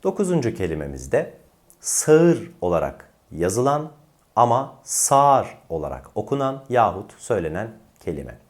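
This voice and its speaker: Lively, low-voiced male diction teacher. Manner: slow, deliberate demonstration of pronunciations. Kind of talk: diction lesson.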